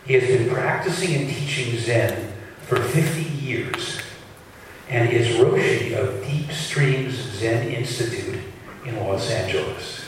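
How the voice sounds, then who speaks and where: Male host heard as through a speakerphone, mid-pitch, far off in a roomy hall with faint noise. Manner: halting, corrects himself. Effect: sounds like a speakerphone. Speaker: event host. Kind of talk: reading an introduction. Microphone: room mic addressing an audience.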